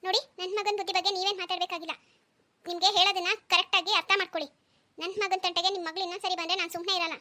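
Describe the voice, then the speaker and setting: A woman voicing a rude, arrogant neighbour mother in a cartoon, accusing and sharp. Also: extremely high pitch, little pitch movement, very fast. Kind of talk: cartoon dialogue.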